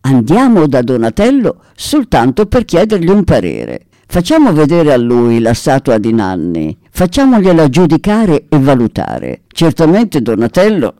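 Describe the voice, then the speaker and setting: Man doing fussing shoemaker craftsmen, lively pitch swings, mellow tone, dry sound, storybook. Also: dry recording, heavily acted. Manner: pleading, then scheming. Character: group of grumbling male shoemaker artisans.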